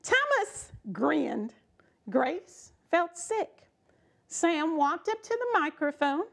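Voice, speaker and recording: A woman with a high, gravelly voice gives an expressive reading of a children's story. Her delivery is emphatic, broken up by dramatic pauses and chatty remarks aimed at her young audience.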